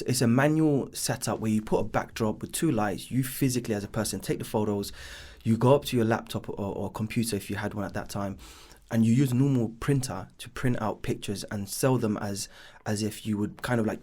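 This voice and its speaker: A lowish, slightly mellow male voice belongs to a business founder in his thirties, Bangladeshi by birth and raised in East London, with a London accent. As a podcast guest he tells his life story casually and at length, filled with ums and "should I say".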